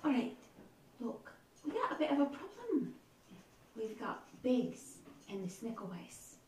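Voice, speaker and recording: A woman's voice: fairly high pitch, big pitch swings, unhurried, a little mellow, slight background noise. A woman voicing a young dwarven girl who bosses a gang of street kids, with a put-on Scottish accent and a brash, streetwise manner. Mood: conspiratorial. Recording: echoey room, distant mic.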